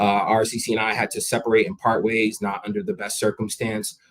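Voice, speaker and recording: A young Jamaican-heritage man, appearing as an interview guest, chats energetically in a casual way and tends to repeat words as he gets sentences going. His fairly low voice carries a breathy edge, and the recording is low quality.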